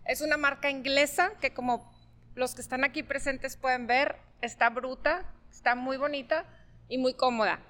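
A woman's voice: high-pitched, fairly even intonation, normal speed, pushed and bright. A woman with a Mexican accent hosting a podcast, upbeat and welcoming. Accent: Mexican Spanish. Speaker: podcast host. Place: store event space with live audience.

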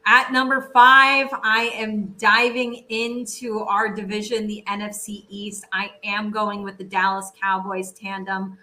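A woman's voice: medium pitch, flat delivery, unhurried, hardly any pauses, sharp tone, poor audio. A woman co-hosting a sports show, chatting casually through a ranked countdown and often saying "like". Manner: conversational, frequent "like".

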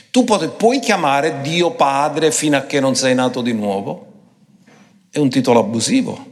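A man preaching a sermon emphatically, switching between quick phrases and slow, drawn-out ones. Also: fairly high pitch. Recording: long hall reverb.

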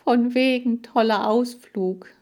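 A woman's voice: on the low side, slow. A woman voicing a vain, anxious male hamster who whines and complains. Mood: whiny. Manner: whining, complaining.

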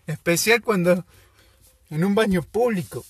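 A man who hosts a show and tells a story in a casual, unhurried way, pausing often to think. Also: sits high, breathy edge, no echo, clean studio sound. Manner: slow, thoughtful, with pauses and fillers. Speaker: podcast host.

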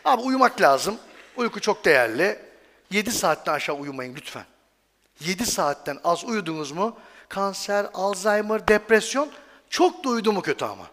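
Male speaker for a stage talk, joking and chatty, fairly high voice that swings widely, long hall reverb. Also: sing-song, normal speed, fairly bright tone. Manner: chatty and joking, asks the audience questions. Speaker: medical professor giving a talk.

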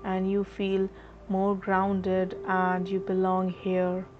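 A woman leading a guided chakra meditation in a slow, soothing, instructive way. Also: mid-range voice, monotone. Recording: slightly dull audio with faint music.

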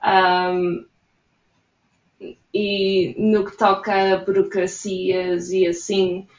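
A young woman with a European Portuguese accent talks casually in an interview, breaking into soft laughs. Her voice sits at an ordinary middle pitch. The room around her adds a clear echo. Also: little pitch movement, drawn-out words. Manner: chatty, frequent soft laughs. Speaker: interviewee, immigrant in Sweden. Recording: roomy echo.

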